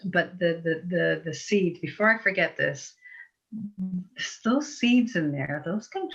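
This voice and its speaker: A woman's voice: fairly low pitch, lively intonation, measured pace, gravelly, a bit bright. A woman from Eastern Europe giving an informal, chatty talk as a guest herbalist, often restarting her sentences. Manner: chatty, digressive, many restarts. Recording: muffled online call audio.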